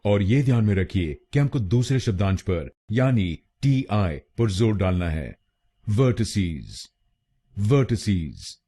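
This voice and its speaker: A man giving a scripted pronunciation tutorial, slowly repeating syllables as he drills each one. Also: on the low side, animated, dark tone. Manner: slow, drilling repetition of syllables. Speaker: pronunciation teacher.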